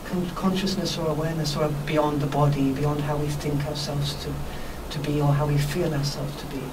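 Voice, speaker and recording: A woman being interviewed on radio as a workshop teacher, explaining spiritual ideas in an earnest, reflective, measured way. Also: low-pitched, little pitch movement. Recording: noisy, distant microphone.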